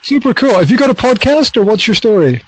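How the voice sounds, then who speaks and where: A middle-aged Scottish podcast host and business coach chats casually over an app, talking into a mobile phone on his balcony. He's relaxed and rambling, with frequent restarts and acted-out quoted asides. His voice is extremely high-pitched and fast, in a low-quality recording.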